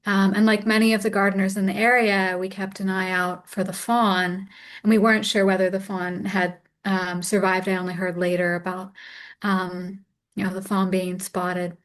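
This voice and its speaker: A woman poet with a measured, tender delivery, reading and introducing her work at an open mic. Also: mid-range voice, little pitch movement. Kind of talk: poetry reading with informal introduction.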